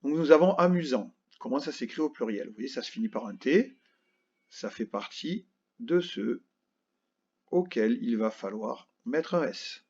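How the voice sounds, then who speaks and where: A man with a slightly husky voice teaches a recorded lesson to young children. He speaks slowly and patiently, spelling words out letter by letter and checking in often. The sound is a little dull and lo-fi. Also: mid-range voice, expressive, a little mellow. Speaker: primary school teacher.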